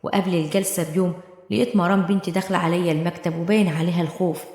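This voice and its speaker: A woman with an Egyptian Arabic accent telling a dramatic first-person story as a steady storyteller, in an echoey room with long reverb. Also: lowish voice, rapid-fire.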